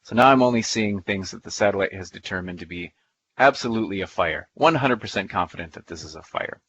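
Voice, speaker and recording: A man walks through a software demonstration in a playful, folksy way, thinking aloud as he goes. His voice sits a little low. The recording is dull and lo-fi, like conference audio. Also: fast, a little hiss or hum. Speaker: presenter. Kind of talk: live software demo talk.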